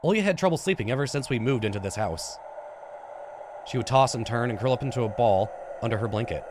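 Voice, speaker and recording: Reading a visual novel for his let's play, a man in his thirties tells the story dramatically, stumbling, correcting himself and tossing in casual asides. His darkish, mid-range voice is fast and animated, captured on a close desk mic with headset in a room at his gaming setup, with game music behind and a little hiss or hum.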